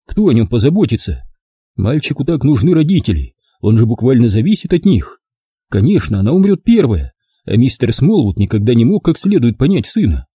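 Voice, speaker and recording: A man reading a novel aloud as an expressive audiobook narrator. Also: mid-range voice, husky, no echo, clean studio sound. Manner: expressive storytelling. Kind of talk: scripted narration.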